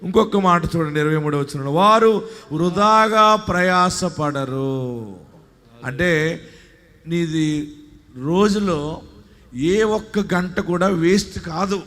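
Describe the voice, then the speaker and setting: A man, a pastor, preaching a live sermon, reading verses aloud and rising into shouts as he exhorts. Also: high voice, slow pace, long pauses. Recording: live hall with long reverb.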